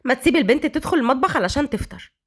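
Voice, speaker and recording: A woman voicing a lively, cheeky young woman with an Egyptian accent. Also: sits high, racing, slightly rough, heavily acted. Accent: Egyptian Arabic.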